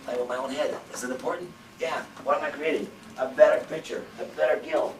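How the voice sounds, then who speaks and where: A man's voice: a little high, steady tone, fast. Man, 50s, motivational seminar speaker; emphatic, repetitive, rhetorical; echoey room, mic at a distance. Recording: roomy, from far off, faint background noise.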